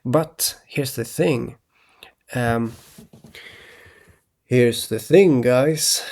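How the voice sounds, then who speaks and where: A man from Sweden, rambling in a halting monologue to his viewers, restarting often and tagging "okay?" onto his points. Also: mid-range voice, a little mellow. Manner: halting, many restarts, keeps adding "okay?". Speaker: vlogger.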